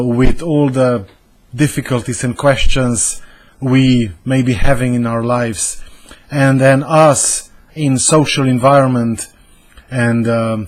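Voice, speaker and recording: A man in his fifties from Slovenia with a Slovenian accent, introducing himself as a communication trainer and searching thoughtfully for his words. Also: mid-range voice. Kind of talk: personal self-introduction to camera.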